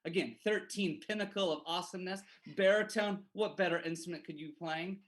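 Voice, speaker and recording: A man giving a devotional as an animated story, full of self-mocking humor, on a livestream. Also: high voice, brisk. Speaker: devotional speaker.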